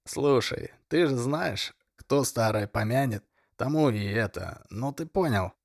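A man voicing a hungover male drunk who begs with a hoarse, wheedling, slangy voice. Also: mid-range voice, animated, unhurried, no room sound, clean studio sound, voice pushed up. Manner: pleading, slangy.

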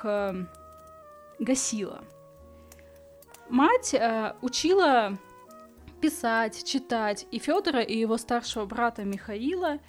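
A woman with a slightly high, darkish voice hosts a podcast, telling a story for bedtime listening in a casual, chatty manner with asides. Her r sound is burred and non-rolled because of a speech impediment. Background music plays throughout.

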